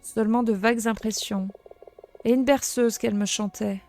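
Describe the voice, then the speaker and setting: A woman reading the lines of an earnest young male rat guard in a video game, in a plain, soft-spoken way. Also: a little high, fairly even intonation, normal speed, faint music behind, natural voice.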